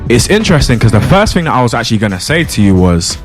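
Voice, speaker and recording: A man's voice: medium pitch, very animated, quick pace, music in the background. A man hosting a casual interview, encouraging his guest with frequent short affirmations. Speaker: interviewer, host.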